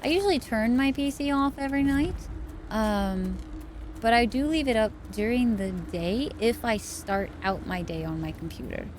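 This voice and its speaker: Streaming a game late at night, a weary woman keeps up chatty talk with her audience, reading out their messages and thanking them. She speaks at normal speed with a fairly high pitch and lively intonation, over slight background noise.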